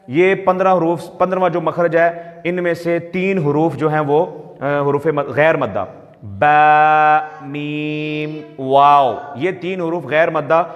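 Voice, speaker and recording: A male recitation teacher who repeats his points, quizzes his students and stretches out sounds slowly to demonstrate them. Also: a little high. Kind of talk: teaching lesson. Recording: echoey room with long reverb.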